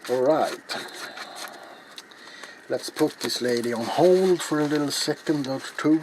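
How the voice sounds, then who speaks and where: A middle-aged ASMR craft video host with a fairly high, unhurried voice works through a casual hands-on tutorial, talking in a rambling, offhand and self-deprecating way. The noisy home recording, made in a small, cluttered indoor hobby workshop, has clear background noise.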